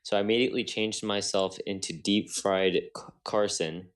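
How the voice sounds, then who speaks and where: On a laid-back podcast, a young male co-host with a fairly low voice tells a story in casual conversation. His tone stays steady and his pace moderate, though he rambles, keeps restarting sentences, and loops back to what he meant to say.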